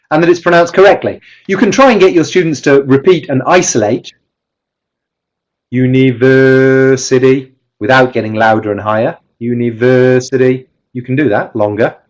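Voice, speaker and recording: A man with a mid-range voice, heard in a muffled recording, presents a live webinar as a teacher trainer using a computer mic with a webcam. He explains things step by step, frequently restarts his sentences, and stresses his example words.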